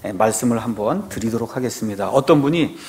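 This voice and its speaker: A man's voice: fairly low pitch, lively intonation, fast, darkish tone. A man, a pastor, giving a conversational sermon, asking his congregation rhetorical questions and often affirming himself with a short "yes".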